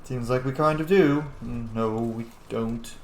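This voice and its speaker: A let's play host gives casual, sweary gameplay commentary, talking to the game's characters while he plays. His voice is medium-pitched, slow and a little mellow, recorded with roomy echo and clear background noise.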